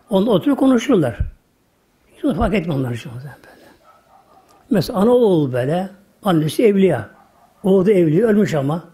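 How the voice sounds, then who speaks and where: Older guy preacher telling a story, kinda high voice but mellow, folksy, lots of hushed bits. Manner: folksy storyteller, repeats "böyle" often, drops to hushed asides. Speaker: religious teacher. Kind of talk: sermon storytelling.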